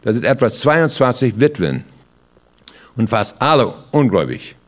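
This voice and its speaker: An older man tells stories and preaches in a casual, warm way. He asks rhetorical questions, laughs between points, and often restarts his words. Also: medium pitch, very animated. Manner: halting with many restarts. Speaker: traveling evangelist. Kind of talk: informal sermon testimony.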